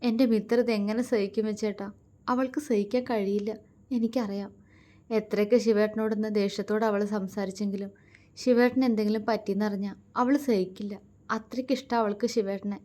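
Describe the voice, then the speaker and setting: A woman voicing a tearful young woman in a storybook who speaks softly while weeping. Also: medium pitch, steady tone, fairly quick, lightly acted. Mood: tearful worry. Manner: weeping, soft. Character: tearful young woman, worried for her friend.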